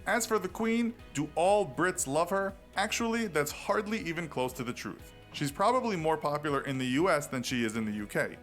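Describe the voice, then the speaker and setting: Lively, wry male explainer narrator. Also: a little high, normal speed, few pauses, soft background music. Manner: wry, playful delivery with swooping emphasis. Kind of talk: scripted narration.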